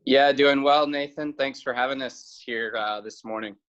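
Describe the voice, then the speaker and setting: A company founder from South Carolina, United States, answers interview questions conversationally as a guest, hesitating slightly and repeating words. His medium-pitched voice is steady and fairly bright at a moderate pace, with the highs cut off.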